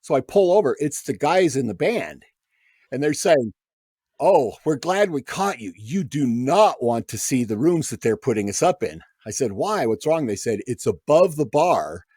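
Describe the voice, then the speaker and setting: A man appears as a guest musician on a podcast, telling casual stories as an animated anecdote teller who acts out the voices of people he quotes. His mid-range voice is slightly rough, his pace moderate, and there's no room sound.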